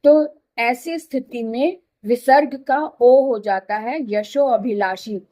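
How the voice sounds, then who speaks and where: A woman's voice: a little high, slow, mellow. A woman teaching a Hindi grammar lesson, patiently repeating letters and examples one by one. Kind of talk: slow explanatory lesson.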